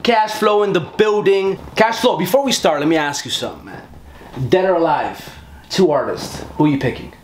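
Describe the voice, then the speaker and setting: A man hosting a podcast interview from a music studio, talking in a hyped, slangy, energetic way. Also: high voice, moderate pace. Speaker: podcast host. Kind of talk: casual interview. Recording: roomy studio with faint noise.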